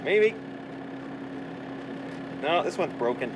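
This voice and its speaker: Male soldier instructor in loud noise. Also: fairly high pitch, lively intonation, slow pace. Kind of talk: hands-on teaching.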